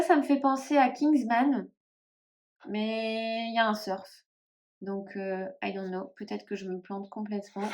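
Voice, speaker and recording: A woman with a northern French accent chatting casually to camera about tarot decks, often pausing and trailing off as she searches for names. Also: a little high, darkish tone. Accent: northern French (Ch'ti). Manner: hesitant, musing, many fillers and trailing off. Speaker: tarot vlogger.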